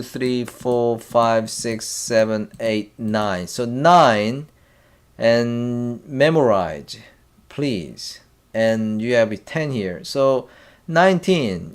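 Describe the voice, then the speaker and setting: Slow, halting man teaching. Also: medium pitch. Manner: slow and halting, many fillers and restarts, drawn-out sounds for demonstration. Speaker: language teacher. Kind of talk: classroom language lesson.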